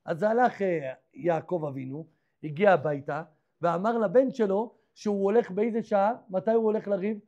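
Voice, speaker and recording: A man, a rabbi, tells a story in a sermon, constantly asking rhetorical questions and acting out the characters' lines. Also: sits high. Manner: acts out the characters' dialogue in lively voices. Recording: dull lo-fi recording.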